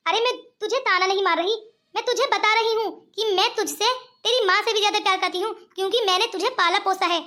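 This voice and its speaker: Woman doing a high, bright-voiced scheming cartoon granny, coaxing. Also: quick pace. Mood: scolding. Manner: coaxing, calls others 'beta'. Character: scheming rich old grandmother. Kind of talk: cartoon voice acting.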